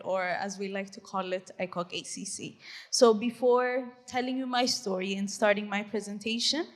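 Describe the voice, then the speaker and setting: A woman in her twenties from Ethiopia, a tech company CEO giving an earnest, conversational conference presentation with frequent fillers and tag questions. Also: medium pitch. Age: 20s. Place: conference hall stage.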